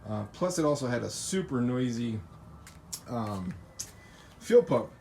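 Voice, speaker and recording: A man's voice: medium pitch, animated, measured pace, creaky, dark tone. American man vlogging, faint background noise. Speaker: car build vlogger. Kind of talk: casual unscripted walkaround update. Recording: faint vehicle and ambient noise.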